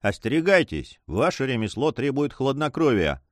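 A man's voice: mid-range voice, very animated, normal speed, no echo, natural voice. A man voicing a cool, mocking male pirate captain who speaks with dry sarcasm, in an audiobook reading. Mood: coldly sarcastic. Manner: ironic, coolly sarcastic.

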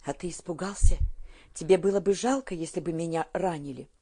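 A woman voicing a brave but emotional young woman in an audiobook, her own low voice lightly lifted. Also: brisk, warm tone, breathy edge. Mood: shaken. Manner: tearful, pleading.

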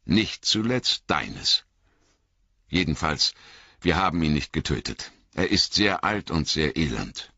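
A man voicing an old, wise male wizard who speaks in a grave, measured way with emphatic repetition, in an audiobook reading. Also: a bass voice, very animated, creaky, sharp tone, breathy edge, no echo, full character voice. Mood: admonishing. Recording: dull lo-fi audiobook recording.

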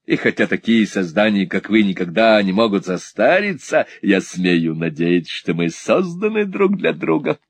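A man voicing an eccentric, pompous old gentleman who talks in grand, flowery courtly phrases, in an audiobook reading. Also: fairly low pitch, very animated, normal speed, few pauses, husky, no room sound, exaggerated voice. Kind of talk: audiobook character voice.

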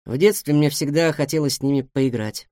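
A woman voicing a reserved grown male cat in a storybook, answering quietly and briefly. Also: low voice, a little fast, no room sound, studio quality, close to an everyday voice. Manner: quiet, short and reticent replies. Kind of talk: storybook reading.

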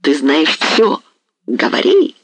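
Man reading a raging hoarse hetman, gravelly. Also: sits high, expressive, moderate pace, no room sound, pitched above the performer's own voice, heavily acted, rough recording. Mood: enraged. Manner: shouting threats, growling. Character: furious ruthless male Cossack hetman, older. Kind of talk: audiobook character reading.

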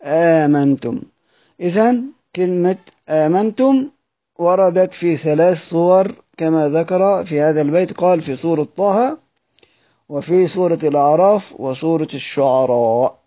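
A man with an Egyptian Arabic accent gives a patient lesson, his voice slightly high and soft in tone. He slows down to repeat words sound by sound and poses his own questions before answering them. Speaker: teacher of Quranic readings. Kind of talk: explanatory lesson.

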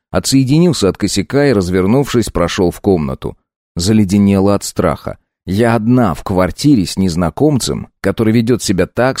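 A man narrating an audiobook in a steady, measured way. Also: fairly low pitch, no room sound, studio quality. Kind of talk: scripted narration.

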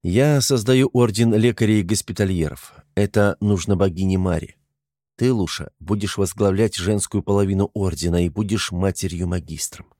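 A man's voice: deep voice, moderate pace, warm tone, no room sound, studio quality. A man voicing a good-humored young lord in an audiobook, teasing and easygoing. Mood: commanding. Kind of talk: audiobook character voice.

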